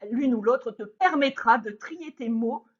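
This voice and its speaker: A woman teaching young children about kind words, gently and with lively exclamations and many hesitations. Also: a little high, a little slow, husky. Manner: gentle, animated, frequent hesitation fillers. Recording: dull lo-fi sound.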